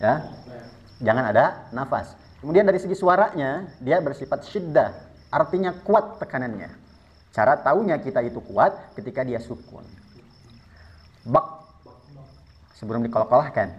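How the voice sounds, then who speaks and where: A man's voice: mid-range voice, very animated, moderate pace. A man teaching Quran recitation rules, patiently explaining each step and modelling sounds for students to repeat. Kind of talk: tajwid lesson with spoken demonstrations. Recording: dull lo-fi sound.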